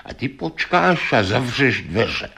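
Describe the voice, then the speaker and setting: A man voicing a wise magic talking horse that gives calm advice and sudden urgent warnings. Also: mid-range voice, slightly rough, exaggerated voice.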